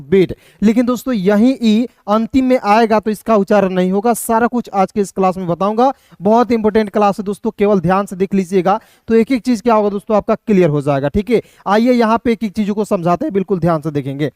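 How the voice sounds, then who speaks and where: High-voiced man teaching spelling. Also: darkish tone, clear, resonant tone, dry recording. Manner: repetitive, addresses viewers as friends, spells words letter by letter. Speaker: English teacher. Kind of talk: classroom-style lesson for video.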